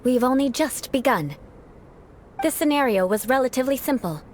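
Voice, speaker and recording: A woman's voice: sits high, lively intonation, normal speed, a little hiss or hum. An actress playing a proud, composed young aristocratic woman knight in a video game, speaking with formal, elegant diction. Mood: calm, lightly teasing. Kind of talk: scripted video game character dialogue. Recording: background music under the voice.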